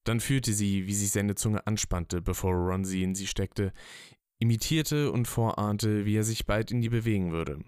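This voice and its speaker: A man narrates a written story with a steady, even reading. His voice is very low and smooth, recorded dry and close with no room sound. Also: moderate pace, no echo. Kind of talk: scripted narration.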